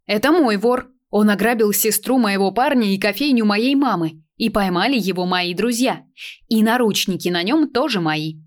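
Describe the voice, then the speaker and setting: A fierce young woman argues in a high, sharp, defiant voice and refuses to back down. A woman reader puts her on in a story reading. She sounds stubborn and quick to snap. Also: natural voice. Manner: shrill, defiant.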